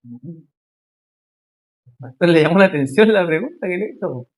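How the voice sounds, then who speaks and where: A male pastor preaching a sermon, rising into emphatic questions and slowing to stress key phrases. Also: high-pitched, expressive.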